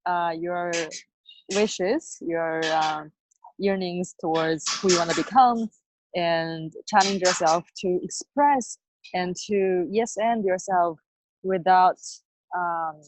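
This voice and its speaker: A woman life coach as an interview guest, lively, laughing often, with fillers. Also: on the low side, slow pace, a little hiss or hum, poor audio. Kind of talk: casual interview. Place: near a construction site.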